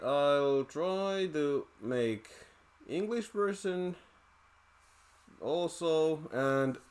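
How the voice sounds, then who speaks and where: At home in front of his TV, a let's play host from Finland chats loosely about the video game he's playing. His Finnish-accented speech is medium in pitch, slow and halting, full of fillers and restarts, with game music audible beneath.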